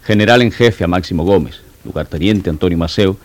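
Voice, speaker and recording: A man's voice: low-pitched, a little fast, no room sound, close to an everyday voice. An actor playing a man who eagerly shares political news with a friend in a radio drama. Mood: informative. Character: man spreading political news in a public place, proud.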